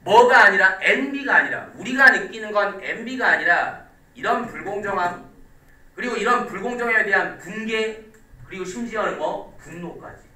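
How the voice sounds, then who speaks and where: A male high school English teacher giving an exam-prep lecture, constantly quizzing his students with quick questions. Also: pushed and bright. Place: classroom. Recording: echoey classroom, mic at a distance.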